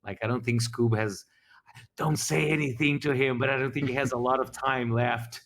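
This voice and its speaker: A man's voice: mid-range voice, fairly even intonation, normal speed, fairly bright tone. Rambling man reflecting as game master. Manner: rambling, many restarts. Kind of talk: casual after-show chat.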